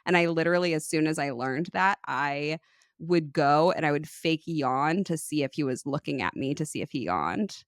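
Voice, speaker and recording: Low-voiced woman telling stories, laughing. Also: normal speed, clean tone, no echo, clean studio sound. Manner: animated storyteller, laughs often. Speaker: podcast co-host. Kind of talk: casual conversation.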